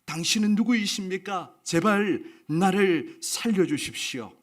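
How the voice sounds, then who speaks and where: A man voicing a desperate man hanging from a cliff branch, shouting and pleading for rescue. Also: high voice, normal speed, pitched above the performer's own voice. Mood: panicked shouting.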